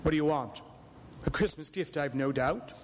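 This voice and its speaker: A man's voice: on the high side, normal speed, lightly acted. An actor playing a miserly, bitter old businessman in a live radio drama, grumbling and sneering with emphatic scolding. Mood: scornful, irritable. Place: performing arts center stage. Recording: echoey theater hall, live radio broadcast.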